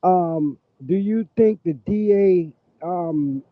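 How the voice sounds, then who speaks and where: A man calling into a live stream through a muffled, bass-heavy mic, asking questions in halting, repeated phrases. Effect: muffled, bass-heavy sound from a poor mic. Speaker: caller. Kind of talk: casual live-stream chat. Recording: muffled, phone-like, dry call line.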